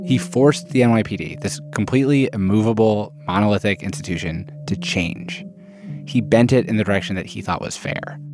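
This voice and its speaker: Low-voiced man narrating a documentary over music. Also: a little fast. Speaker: narrator and host.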